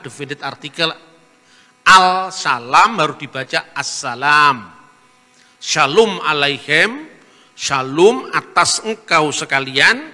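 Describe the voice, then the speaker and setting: A man's voice: a little high, bright, forceful tone. Teacherly male lecturer, piercing voice, poses and answers his own questions; recorded with a long hall echo. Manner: teacherly, asks himself questions and spells out letters. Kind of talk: explanatory lecture.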